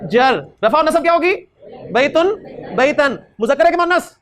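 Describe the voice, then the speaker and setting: A man teaching Arabic grammar in a classroom lecture, quizzing his students and slowly repeating key terms. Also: very high voice, big pitch swings, fairly bright tone, slight background noise. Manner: questions students and drills answers back.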